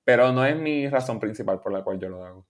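This young man from Puerto Rico, a musician appearing as a guest, chats fast in a mid-range voice with a Puerto Rican Spanish accent. The casual interview finds him easygoing and meandering, restarting often, quick to laugh, and mixing English words into his talk.

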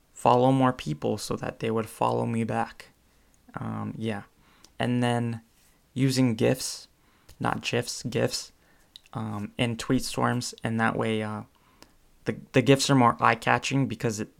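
A man's voice: medium pitch, level tone, takes it slowly, gravelly, fairly bright tone. A young man hosting his own podcast, talking casually in a rambling way with lots of ums and restarts. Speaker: podcast host. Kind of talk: casual solo podcast monologue.

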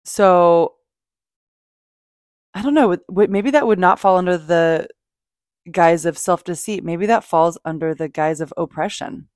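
A woman's voice: on the low side, a little slow, long pauses, darkish tone, dry recording, clean studio sound. A woman hosting a podcast, talking casually and off the cuff about self-help in a gushing, emphatic, sweary way. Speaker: podcast host. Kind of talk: casual spoken self-help talk, unscripted.

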